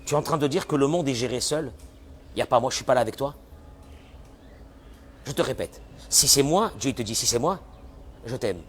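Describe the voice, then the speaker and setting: A man giving a sermon as a rabbi, animated, often acting out the voices of people who complain. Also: mid-range voice, brisk, long pauses, slight background noise.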